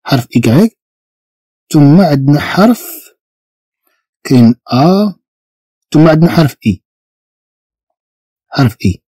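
A man's voice: fairly high pitch, lively intonation, unhurried, pauses often, dark tone, husky, dry recording. A man with a Moroccan Arabic accent teaching a beginner language lesson, patiently repeating each sound and spelling letters out.

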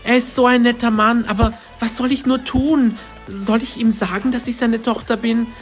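A woman's voice: fairly high pitch, steady tone, normal speed, faint music behind, close to an everyday voice. A woman voicing a frightened young girl who pleads anxiously. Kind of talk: storybook role-play.

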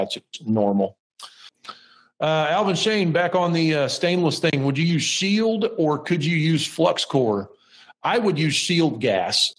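A middle-aged man hosts a podcast from his metal shop, giving a loose, self-mocking rundown of welding peppered with ums and false starts. It's a casual how-to talk in a mid-range voice, captured on a low-quality recording.

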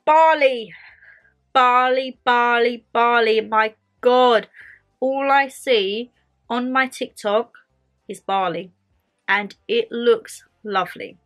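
Faint music plays behind a young woman from England who chats to camera in her bedroom, lively and gesturing despite a lingering cold. Her fairly bright voice sits on the high side and moves at a slow pace.

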